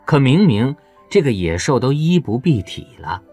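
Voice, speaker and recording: A man reading an audiobook novel as its narrator, in a lively storytelling way. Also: medium pitch, moderate pace, husky, faint music behind. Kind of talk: scripted narration.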